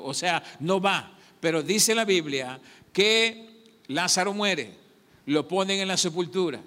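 A man's voice: high-pitched, bright, forceful tone. A man preaching a sermon, asking his congregation questions and answering them himself. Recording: long hall reverb.

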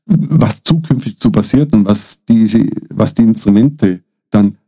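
A middle-aged man telling stories as a podcast guest, halting with frequent restarts and fillers. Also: lowish voice, mellow, husky, no room sound. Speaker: guest, data protection consultant. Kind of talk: casual podcast storytelling.

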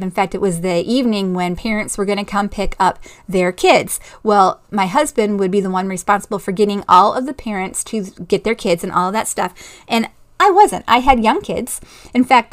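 Earnest woman hosting a faith podcast. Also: mid-range voice. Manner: earnest, storytelling, laughs at herself. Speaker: podcast host.

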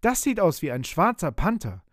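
Male narrator playing a jittery young ship's mate, excitable, pitched up. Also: normal speed, dry recording, clean studio sound. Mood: excited. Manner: excited, high-pitched outbursts.

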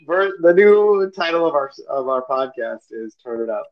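Male co-host, higher voice, animated and jokey, casual banter. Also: normal speed, lo-fi sound. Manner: laughs often, jokey. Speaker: podcast co-host. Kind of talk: casual chat.

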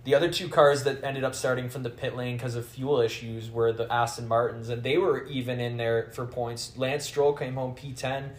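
A man's voice: medium pitch, fairly even intonation, moderate pace, few pauses. A man hosting a casual chat about motor racing, peppering his talk with "like" and "kind of". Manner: filler-heavy, hedging with "like" and "kind of". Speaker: podcast host. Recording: echoey room with faint background noise.

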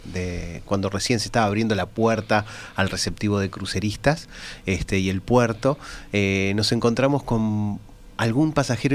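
A man with a Uruguayan accent chatting on a radio travel show in a halting, anecdotal way. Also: on the low side, a little hiss or hum. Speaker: travel professional. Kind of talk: conversational radio talk.

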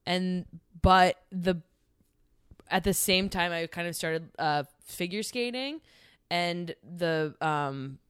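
A young woman from New Jersey talks as a podcast guest in a smooth, resonant voice set fairly low. She chats casually and mocks herself, with the odd playful curse. The sound is close and dry. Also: slow pace, a bit bright, dry recording. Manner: chatty and self-mocking, with playful swearing. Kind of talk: casual chat.

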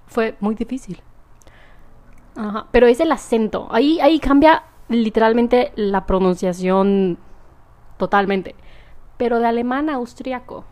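A woman's voice: fairly high pitch, a little mellow. A young woman, chatting casually to camera, rambling and laughing often. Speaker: vlogger.

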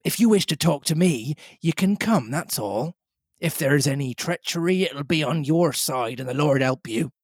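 A man's voice: fairly high pitch, lively intonation, normal speed, breathy edge, no room sound, studio quality. Man acting a stern, haughty sea captain. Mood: cold disdain. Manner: clipped, commanding, disdainful. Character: brisk, stern, haughty ship's captain, commanding and scornful.

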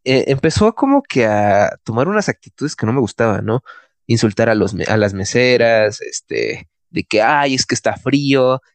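A man's voice: on the low side, animated, normal speed, dry recording. A young man with a Mexican accent telling a story in casual chat, full of slang and fillers. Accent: Mexican Spanish. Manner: slangy, loose, filler-heavy.

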